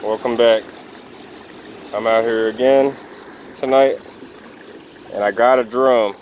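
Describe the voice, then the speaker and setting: A man's voice: mid-range voice, slow, a little hiss or hum, low-quality recording. A man talking casually to his viewers while fishing at night on a rocky riverbank, recorded on a handheld phone. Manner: relaxed, chatty, talking to viewers while handling a fish. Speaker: fishing vlogger. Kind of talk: casual vlog narration.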